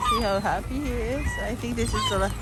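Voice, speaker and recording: A woman's voice: on the high side, a little fast. A woman gives casual, delighted running commentary outdoors in a park, often repeating short exclamations. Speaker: family vlogger filming an outing. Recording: noisy outdoor park recording. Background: honking geese and park ambience.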